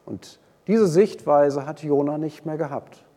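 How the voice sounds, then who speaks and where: A man preaching a sermon, retelling a Bible story with lively swings between loud and hushed delivery. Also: a little high, unhurried. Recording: long hall reverb.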